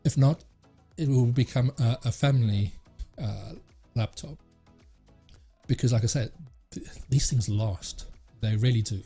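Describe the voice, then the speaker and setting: A man hosts a casual tech chat, his voice warm and a little raspy. He rambles, stumbles over words and fills pauses with "uh" as he talks, while soft music sits faintly under him. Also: medium pitch. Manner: rambling, many fillers and restarts. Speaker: tech channel host. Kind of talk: casual talk to camera.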